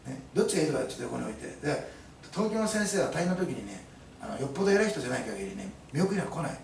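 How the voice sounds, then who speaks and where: A man's voice: fairly high pitch, sing-song, racing, gravelly, darkish tone, a little hiss or hum. A male pastor preaching a sermon to his congregation, emphatic and fond of rhetorical questions, recorded in an echoey church hall from a distance. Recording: echoey room, mic at a distance.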